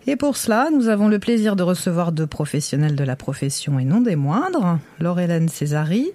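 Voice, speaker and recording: Mellow-voiced woman hosting a podcast. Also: fairly low pitch, big pitch swings, a little fast, no echo. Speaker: podcast host. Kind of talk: scripted podcast introduction and interviewing.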